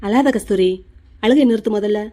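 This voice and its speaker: A woman's voice: mid-range voice, moderate pace, mellow, natural voice. A woman voicing an elder brother in a cartoon who apologises to his crying sister and comforts her. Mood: soothing. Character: remorseful elder brother, gruff then tender.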